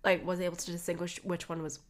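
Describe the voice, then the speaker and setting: A fast-talking young adult woman rambles on her solo podcast in a lowish, fairly flat voice, slightly nasal from a blocked nose. Her chatty talk is full of "like"s and false starts.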